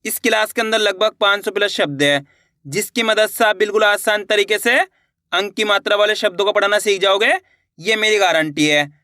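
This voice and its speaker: Guy teaching reading, sounds out each syllable slow then blends it, high clear voice, dry close sound. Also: bright, forceful tone, no echo. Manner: addresses viewers as friends, encouraging. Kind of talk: spoken reading lesson.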